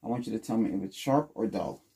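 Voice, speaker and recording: An older man performs an ASMR doctor roleplay in a small indoor room with a cloth backdrop, giving short instructions and asking brief exam-style questions. His voice is on the low side, quick, gravelly and dark, with a breathy edge.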